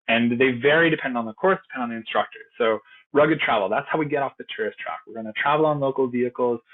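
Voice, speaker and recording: Earnest man with tinny phone-like audio. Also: lowish voice. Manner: earnest, conversational. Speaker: program instructor. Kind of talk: informational presentation.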